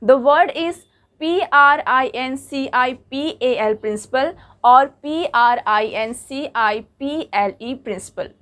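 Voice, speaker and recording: A woman's voice: sits high, very slow, a bit bright. A woman teaching English vocabulary, spelling out words letter by letter and switching between English and Hindi. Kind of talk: bilingual vocabulary lesson.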